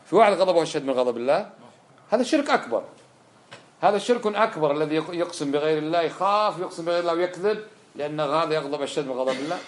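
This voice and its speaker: A man delivers a fiery religious lesson, speaking very fast in a slightly high voice. He drives his points home with one rhetorical question after another. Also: expressive. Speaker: religious teacher. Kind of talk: impassioned religious lecture.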